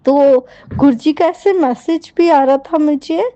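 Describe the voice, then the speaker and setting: Middle-aged woman telling her devotion story, high voice, slow and heartfelt, keeps saying thanks. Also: mellow, dry recording, muffled recording. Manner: fervent, repeats thanks over and over. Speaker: devotee sharing a testimony. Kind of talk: devotional testimony.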